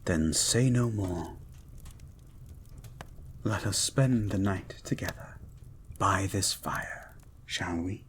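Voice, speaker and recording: Man voicing Beast, a low, hushed romantic gentleman. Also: a little hiss or hum. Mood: intimate, devoted. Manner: hushed, slow, formal, ardent. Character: Beast, gentle learned blue mutant, devoted romantic lover. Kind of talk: romantic poetry reading and intimate audio roleplay.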